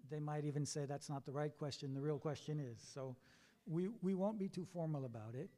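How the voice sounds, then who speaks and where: A man moderating a community panel from the bima, relaxed and joking. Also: a little high, fairly quick. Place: synagogue sanctuary. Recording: long hall reverb.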